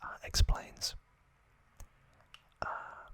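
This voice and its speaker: In an unvoiced, breathy whisper, this ASMR host goes back over trivia, his soft delivery broken by informal, hesitant side comments.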